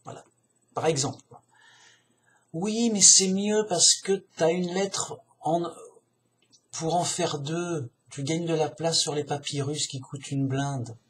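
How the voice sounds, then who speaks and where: A man musing aloud in a casual, digressive monologue, slangy and chatty, often addressing the listener as a buddy. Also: a little high.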